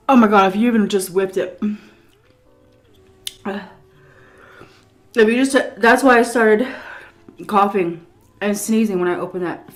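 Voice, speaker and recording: A woman speaks very slowly between sighs and grumbles about her food as she eats. Her voice sits at a middle pitch, with faint music underneath. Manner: sighing, grumbling while eating. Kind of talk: casual eating chat.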